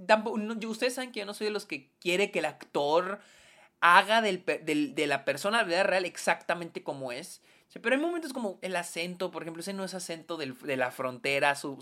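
A woman with a Mexican accent giving a casual film review, slangy and animated, with many filler words. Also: on the low side.

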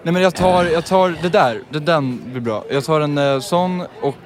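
A man playing a flustered, stammering customer in an improvised comedy sketch. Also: a little high. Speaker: podcast co-host.

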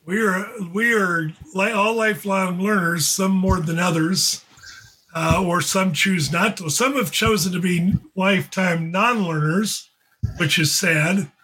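Husky-voiced man in his seventies. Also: high-pitched, measured pace, sharp tone, poor audio. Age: 70s. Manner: joking, chatty, asks pointed questions. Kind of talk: casual chat.

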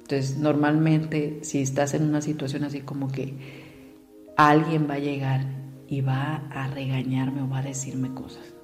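A woman's voice: very deep voice, level tone, a little slow, long reverb tail, soft background music. A woman gives a reflective motivational talk and asks her listeners direct questions. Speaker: speaker on emotions.

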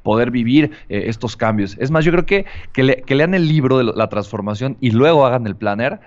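A man's voice: mid-range voice, animated, fairly quick. A man speaking as a guest in a casual interview conversation, talking in a hesitant way with many restarts. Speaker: podcast guest. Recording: dull lo-fi sound.

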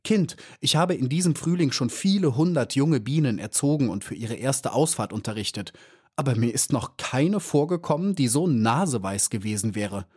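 A man's voice: medium pitch, lively intonation, normal speed, a little mellow, husky. A man voicing a stern, fussy old female bee who lectures and sighs, in a storybook reading. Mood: lecturing. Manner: scolding, sighing, lecturing.

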